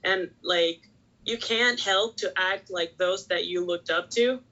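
Appearing as a guest on a podcast, this twenties-aged pro wrestler from Puerto Rico keeps things casual and says "like" a lot. She speaks at a measured pace in a lowish, sharp-toned voice, and the sound is lo-fi.

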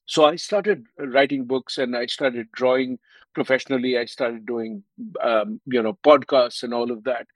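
A man with an Indian English accent, a guest author giving measured explanations in an interview. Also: mid-range voice, steady tone, dry recording, rough recording. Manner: measured, explanatory, with frequent fillers.

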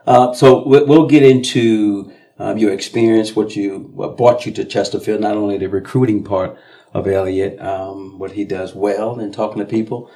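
A man hosting a casual podcast interview, talking in an unhurried way with many pauses and restarts. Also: lowish voice, fairly even intonation, mellow. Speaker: podcast host, police officer.

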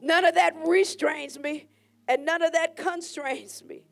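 A woman's voice: very high voice, steady tone, a little slow, creaky, soft background music. A woman preacher delivering an impassioned sermon prayer, fervently repeating phrases in a rising cadence.

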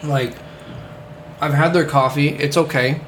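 A man's voice: fairly high pitch, steady tone, a little slow, fairly bright tone, a little hiss or hum. A man hosting a casual podcast chat, rambling with many fillers and the odd swear word. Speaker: podcast host.

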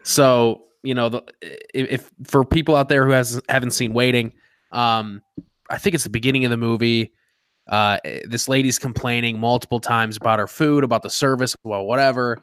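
A man's voice: mid-range voice, fairly even intonation, normal speed, a bit bright, clean tone, dry recording. An easygoing man chats on a casual podcast with dry humor and casual swearing. His voice is recorded close and dry, with no room sound. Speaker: podcast co-host.

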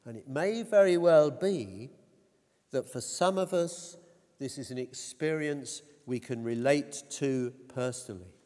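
A man preaching a sermon in a measured, deliberate way, his voice rising on quoted cries. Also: mid-range voice, darkish tone. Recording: long reverb of a church hall.

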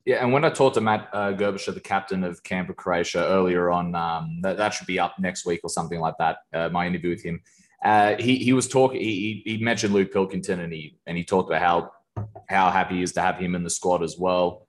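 A man with a very low voice hosting a laid-back football podcast. He talks in a relaxed, rambling way. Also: fast talker. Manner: relaxed, rambling, laughs easily. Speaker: podcast host. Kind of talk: casual podcast chat.

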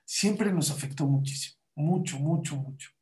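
A man telling a story to a gathering, acting out the dialogue with lively shifts in his voice. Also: a little high, normal speed, roomy sound. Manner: animated, acts out dialogue. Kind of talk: storytelling talk.

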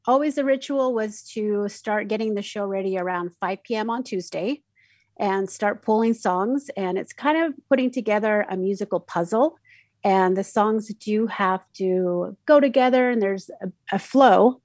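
A middle-aged woman from Mexico City, a native Spanish speaker with a Mexican Spanish accent, chats casually as a radio DJ being interviewed, her speech full of fillers and restarts. Her mid-range, darkish voice moves at normal speed, recorded in clean studio sound with no echo.

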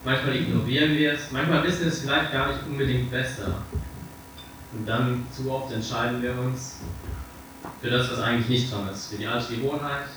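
A man's voice: mid-range voice, steady tone, brisk, noisy background. A man giving a sermon, retelling a novel earnestly and then reading from it aloud, recorded from a distance in a large hall. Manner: earnest storytelling. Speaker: preacher. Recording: echoey hall from far off.

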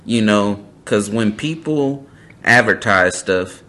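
A man's voice: lowish voice, expressive, takes it slowly, sharp tone. Laid-back man hosting a podcast. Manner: loose and profane, repeats words for emphasis. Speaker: podcast host. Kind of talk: casual podcast chat.

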